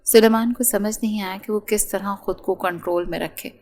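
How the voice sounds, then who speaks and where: A woman narrating a romance novel audiobook with steady, dramatic storytelling. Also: mid-range voice.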